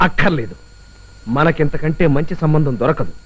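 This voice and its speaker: A man's voice: on the high side, brisk, fairly bright tone, slightly rough, highs cut off. A man playing a pushy would-be groom in a film comedy, blunt and commanding. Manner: blunt, bossy, giving orders.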